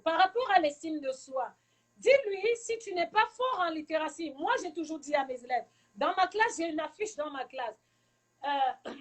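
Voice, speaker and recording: Very high-voiced earnest woman teacher. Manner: earnest, emphatic, repeats key points. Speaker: teacher advising parents. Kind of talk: live advice talk to parents.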